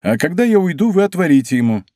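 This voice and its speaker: A man's voice: fairly high pitch, very animated, fast, dark tone, dry recording, studio quality, pitched above the performer's own voice. A man doing a fiery young nobleman. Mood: ardent. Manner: eager, exclamatory, raised voice. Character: ardent young male Gascon nobleman, bold and impulsive. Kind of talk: audiobook character reading.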